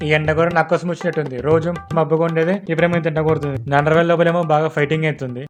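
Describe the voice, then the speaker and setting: A man's voice: on the high side, flat delivery, very fast, soft background music. A man acting out a brash, mocking comedy sketch. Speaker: comedy sketch creator playing all parts.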